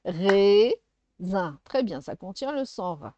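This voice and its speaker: Patient woman teacher, very slow, lively rising and falling voice, dry close sound, sounds out syllables for a small child. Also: fairly high pitch, no room sound, muffled recording. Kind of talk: first-grade phonics lesson.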